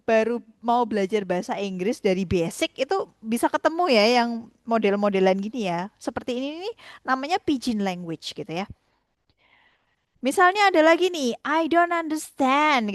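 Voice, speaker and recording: Young woman, student presenter, casual chatty explainer, higher voice, dry close recording. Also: no echo. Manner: chatty, frequent tag fillers, slowly acts out example phrases.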